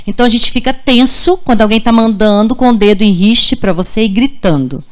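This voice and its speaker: A woman's voice: on the high side, brisk. Woman in her forties, pediatrician speaking to parents in a friendly, conversational way. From Brazil. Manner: warm, conversational, checks in with "tá?" and "gente". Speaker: pediatrician giving a parenting talk. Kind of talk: live lecture to parents. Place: school auditorium.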